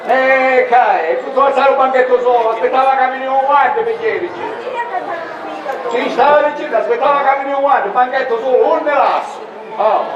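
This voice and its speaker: An actor playing a grumbling, scheming old village potion-maker with a Sicilian accent in an amateur dialect stage comedy. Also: male voice, very high-pitched, lo-fi sound. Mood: irritated, calling out. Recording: echoey hall from far off, noisy audience.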